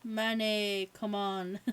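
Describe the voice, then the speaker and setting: This Irish-accented host of a live watch-along speaks at medium pitch with a flat delivery and drawn-out words, in a clean tone. She chats casually through match reactions, reads viewer messages out loud and uses frequent "um" and "yeah" fillers.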